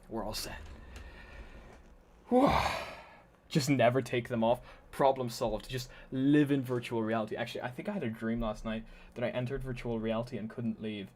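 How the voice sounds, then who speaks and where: A man's voice: mid-range voice, a little mellow. Guy streaming from his room, chatty, talks through what he's doing, voice a bit worn, faint hiss. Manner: chatty, thinks aloud while explaining his setup. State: voice slightly worn from talking. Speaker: live streamer. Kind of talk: casual live-stream chat.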